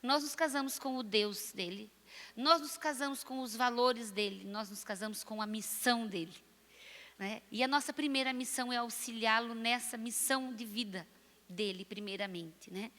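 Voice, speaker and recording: Woman pastor from Brazil, lively sermon, bright voice, higher pitch, reverberant church hall. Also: normal speed. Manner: animated, lively preaching with asides to the audience.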